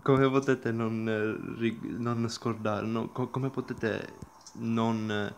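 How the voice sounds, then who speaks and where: A man's voice: medium pitch, flat delivery, takes it slowly, a little hiss or hum. A young man hosting a gaming channel, commentating a mobile game casually, exclaiming, laughing often and tripping over his words.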